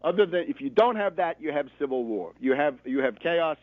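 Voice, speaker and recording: His voice runs on the high side, animated and fairly quick, with no echo as this American man lectures through political radio commentary. He hammers points by repeating them, keeps checking "right?", and comes through narrow, phone-like radio sound.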